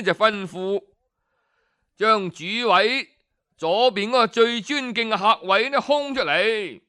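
A man with a Cantonese accent tells a story in a lively, colloquial, dramatic traditional manner packed with interjections. His voice sits high and sounds clean.

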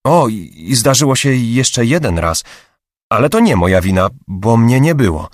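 A man's voice: mid-range voice, big pitch swings, normal speed, no echo, clean studio sound, pitched above the performer's own voice, lightly acted. A man voicing a chatty, anxious young female receptionist who gossips with a raised voice, for an audiobook. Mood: eager complaining. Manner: raised gossipy voice, later hushed whispering.

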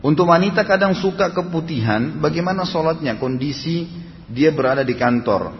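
Preacher, male, emphatic and rhetorical, recorded in a reverberant hall on a dull, low-fidelity line. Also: lively intonation, normal speed. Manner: rhetorical questions, emphatic scolding asides. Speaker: Islamic preacher answering questions. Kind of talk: religious Q&A lecture. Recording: dull echoey hall with faint rumble.

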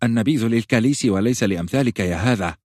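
A man voicing a nervous, fawning male wine merchant with smooth, ingratiating sales talk in an audiobook. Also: medium pitch, animated, rapid-fire, darkish tone, dry recording, studio quality, voice pushed up. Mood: scornful. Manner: ingratiating, overly friendly salesman patter.

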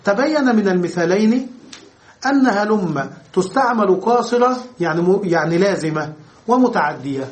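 A man lecturing on grammar in a fairly high voice. He goes over each term again in other words and checks that his listeners follow. His delivery is patient and explanatory. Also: lively intonation, moderate pace. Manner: repeats and rephrases terms to explain them, checks understanding. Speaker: Arabic grammar teacher.

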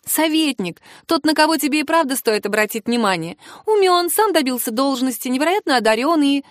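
A woman voicing a quick-tempered young noble sister who speaks in shrill, rising outbursts. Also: lively intonation, no echo, clean studio sound. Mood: gossiping.

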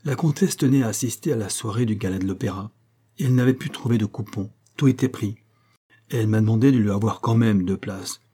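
A man's voice: lowish voice, fast, mellow, husky. A man reading the part of an anxious, loyal male government aide in an audiobook, speaking earnestly.

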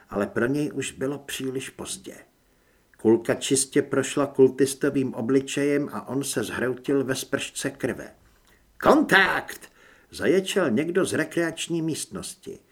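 A man reading a first-person action audiobook in a steady, measured way, with a husky voice. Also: medium pitch. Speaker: audiobook narrator.

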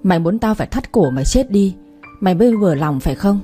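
A woman's voice: medium pitch, expressive, fast talker, warm tone, soft background music, lightly acted. A woman voicing a distraught middle-aged village mother. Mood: furious. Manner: scolding, then pleading.

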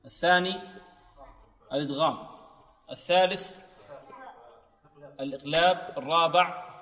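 A man teaching Quranic recitation, posing rhetorical questions and slowly chanting the verse he explains. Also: high voice, bright, forceful tone, in a large hall, recorded from a distance. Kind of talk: tajweed lesson with rhetorical questions.

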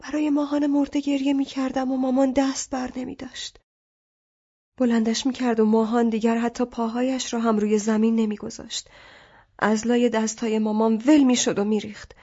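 A woman narrating a literary novel as an audiobook in a calm, measured reading. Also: on the high side, husky, highs cut off.

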